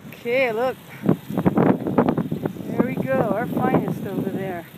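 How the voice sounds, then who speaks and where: A woman's voice: on the high side, slow pace. A woman giving wry, questioning running commentary while she films a walk through a seaside park. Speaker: vlogger filming a walk. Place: outdoors in a seaside park by a road. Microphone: handheld phone camera. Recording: outdoor phone audio with wind and traffic noise.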